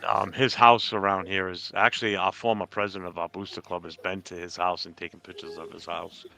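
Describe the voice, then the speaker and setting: A man from Rhode Island with a deep, gravelly voice and a bright, forceful edge hosts a sports podcast. He talks casually and rambles, swears freely and drops a lot of fillers. Faint music plays behind him. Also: little pitch movement, fairly quick. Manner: profane, joking, rambling with fillers. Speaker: podcast host.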